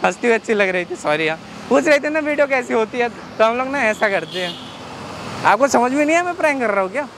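A man staging a street prank by a car, shouting and threatening, then softly apologizing and coaxing. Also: very high voice, very animated, fast. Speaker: prankster and channel host. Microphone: hidden camera mic. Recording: noisy outdoor street audio.

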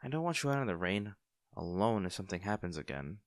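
In a dry, clean studio recording, a man with a fairly low voice and wide pitch swings talks quickly. He plays a kind young barista with a shy crush in an intimate comfort roleplay, sounding caring, soft-hearted and a bit hesitant as he reassures the listener in a natural, conversational way.

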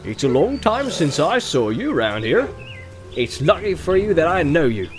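A man voicing a gruff, hearty hobbit farmer in a storybook reading, with a growl and rustic, folksy talk. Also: a little high, big pitch swings, normal speed, over music. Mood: suspicious, chatty. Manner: rustic, folksy turns of phrase. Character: gruff, hearty, thick-set hobbit farmer, suspicious but welcoming.

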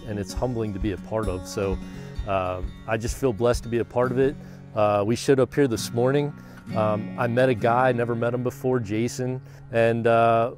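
A man in his forties speaking earnestly in an outdoor interview, halting and repeating words as he goes. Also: mid-range voice. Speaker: volunteer fishing guide. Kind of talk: interview to camera. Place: outdoors by a building. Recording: voice with loud music underneath.

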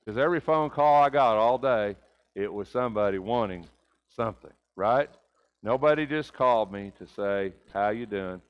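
A man's voice: fairly low pitch, moderate pace, smooth, lo-fi sound. Older man, preacher, conversational sermon, rhetorical questions, church sanctuary.

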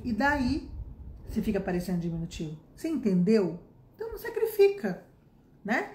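A Brazilian woman in her fifties, an English teacher with a Brazilian Portuguese accent, gives a casual spoken lesson, chatty and emphatic and full of tag questions. Her mid-range voice has a darkish tone, and the recording sounds roomy.

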